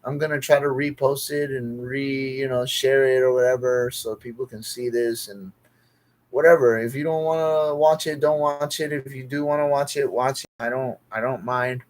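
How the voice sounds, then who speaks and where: A man talking alone to a livestream at a middle pitch, swearing freely and circling back over the same complaints. His griping is exasperated and repetitive, a loose casual rant. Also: steady tone, moderate pace. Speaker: comedian streaming alone.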